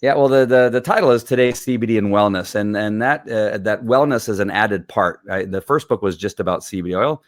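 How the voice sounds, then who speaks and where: A man's voice: fairly low pitch, a little fast, few pauses, no echo, studio quality. A middle-aged man chatting as an interview guest, enthusiastic and rambling with many fillers. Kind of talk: casual interview chat.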